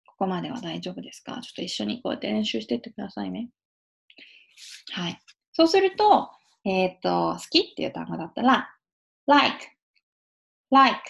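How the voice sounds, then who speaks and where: A woman giving a casual spoken lesson on English pronunciation, patiently demonstrating sounds with drawn-out vowels. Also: mid-range voice, very animated, vocal fry. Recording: lo-fi dull sound.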